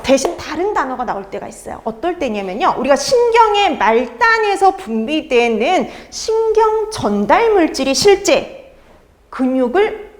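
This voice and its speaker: Woman lecturer, high lively voice, exam-prep lesson, asks and answers her own questions. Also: unhurried. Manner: asks students questions and answers them herself; repeats key terms for emphasis.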